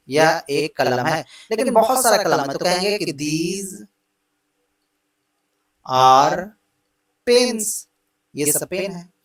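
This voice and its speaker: A man's voice: high voice, roomy sound, recorded from a distance, poor audio. A man with an Indian accent teaching an English grammar lesson, mixing Hindi explanation with English examples he reads out word by word.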